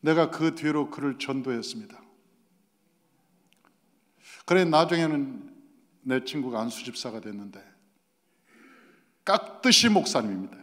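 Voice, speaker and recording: A man's voice: fairly high pitch, fairly bright tone. A middle-aged male pastor preaching a sermon, telling stories and acting out the quoted dialogue with animation. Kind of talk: sermon with storytelling. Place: church sanctuary. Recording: long reverb of a church hall.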